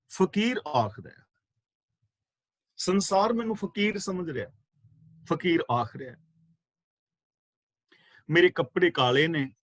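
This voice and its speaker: A man giving a scripture class, reciting verses slowly and explaining their pronunciation and meaning, with fervent rhetorical questions. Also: fairly high pitch, a bit bright, no room sound. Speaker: katha preacher. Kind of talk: scripture exposition.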